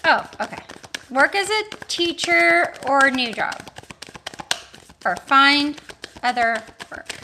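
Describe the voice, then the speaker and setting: Woman, 40s, tarot livestream host; high and bright, unhurried, chatty and musing. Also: animated, background noise. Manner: chatty and musing, thinks aloud with restarts and drawn-out exclamations; addresses viewers warmly, with homely blessings. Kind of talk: casual livestream chat.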